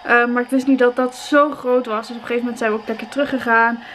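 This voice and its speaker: Een jonge vrouw met een Nederlands accent die ontspannen en babbelend vlogt, met veel aarzelingen. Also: female voice, fairly high pitch, fast, slight background noise. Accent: Dutch. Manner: relaxed, chatty, many filler sounds. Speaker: vlogger, new mother. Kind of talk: casual vlog chat.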